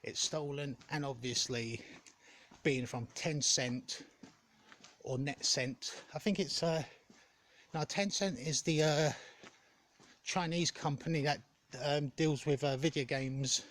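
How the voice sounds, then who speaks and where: A man giving a casual, rambling vlog update in a hesitant, halting way, often correcting himself. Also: on the high side, a bit bright, a little hiss or hum. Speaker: gaming content creator.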